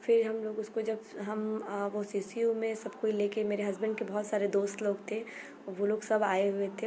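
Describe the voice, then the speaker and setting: A woman telling her family's story as a mother, in a halting way, circling back and repeating herself. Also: mid-range voice, noisy background. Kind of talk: personal storytelling.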